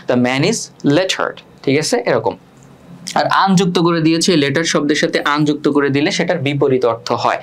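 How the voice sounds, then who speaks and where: A man with a Bangladeshi Bengali accent, teaching a passage in an online lesson. He reads English words slowly and often checks in with a questioning tag. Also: fairly high pitch, fairly bright tone. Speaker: English tutor.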